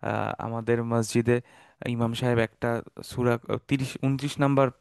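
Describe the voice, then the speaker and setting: A man's voice: mid-range voice, moderate pace, vocal fry, clear, resonant tone, dry recording. Man teaching in a dry room. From Bangladesh. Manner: relaxed explaining with fillers and asides. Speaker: Quran Arabic teacher. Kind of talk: online class lecture.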